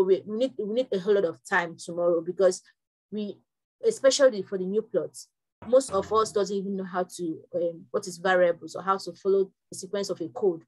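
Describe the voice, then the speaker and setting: Young woman from nigeria running an online class, fast, lots of restarts, call audio. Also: medium pitch, poor audio. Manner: quick, with frequent restarts. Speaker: workshop instructor. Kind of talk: online workshop teaching. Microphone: video call.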